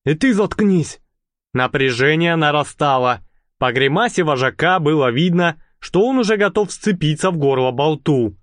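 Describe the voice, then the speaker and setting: A man narrating an audiobook in an expressive storytelling manner. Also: fairly high pitch, normal speed, dry recording, clean studio sound.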